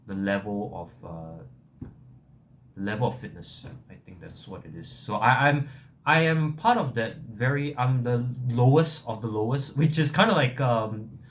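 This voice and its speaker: A man's voice: lowish voice, lively intonation, measured pace, a little hiss or hum. A young man with a Singaporean accent chatting casually to viewers in a hesitant, self-deprecating, rambling way that often backtracks. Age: young adult. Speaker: vlogger.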